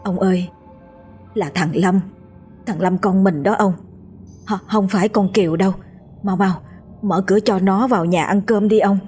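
A woman's voice: mid-range voice, normal speed, soft background music, lightly acted. A woman voicing an older wife who stammers breathlessly in fear and grief for her dead son. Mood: pleading. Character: grieving older wife, frantic and reproachful.

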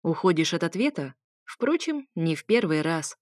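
A sarcastic young man, jealous and quick to needle his ex-partner with irritable jabs, put on by a woman reading a story aloud. The voice sits low and close, with a dry, deadened sound. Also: big pitch swings, dry recording. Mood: mocking. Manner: mocking, irritable.

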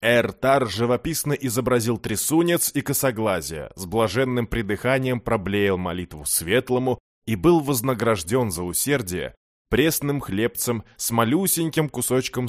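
A man narrates a fantasy audiobook in a lowish voice, even and measured. Irony slips into the telling without breaking its steady pace. The sound is dry and close, with no room around it. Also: dry recording.

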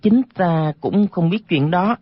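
A woman voicing a gentle, naive young man who speaks softly and pleadingly, in a dull lo-fi recording. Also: on the low side, slow, slightly rough, no room sound, voice pushed down. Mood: sad. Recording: dull lo-fi audio.

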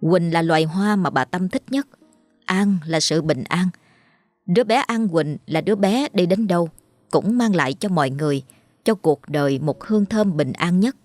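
A woman narrating a ghost story in a slow, mournful storytelling manner. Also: fairly low pitch, darkish tone, no echo, faint music behind.

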